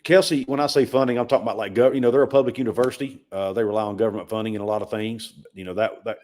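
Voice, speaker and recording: A man's voice: on the low side, steady tone, rapid-fire, darkish tone. A man co-hosting a sports livestream, talking casually and often repeating words as he makes a point. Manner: conversational, repeats words when emphatic. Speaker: sports podcast co-host.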